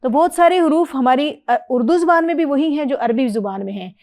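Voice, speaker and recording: A woman's voice: high-pitched, darkish tone. Patient woman teaching letter sounds. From Pakistan. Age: middle-aged. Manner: patient, explanatory, models letter sounds clearly and praises. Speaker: Quran reading teacher. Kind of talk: teaching explanation and drill with a student.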